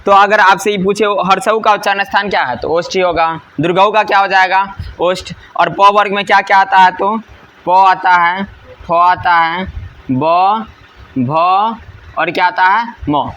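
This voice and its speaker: A man's voice: sits high, fairly even intonation, measured pace, a bit bright, dull audio. A male teacher, giving a grammar lesson that drills rules by asking and answering his own questions.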